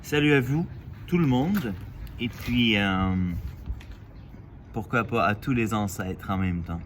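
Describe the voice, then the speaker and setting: A man from Quebec with a Quebec French accent, musing aloud in a casual vlog, halting and full of fillers, outdoors in a city alley. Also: lowish voice, slight background noise. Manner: thoughtful, halting, with many fillers and restarts. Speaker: vlogger. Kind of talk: casual reflective monologue.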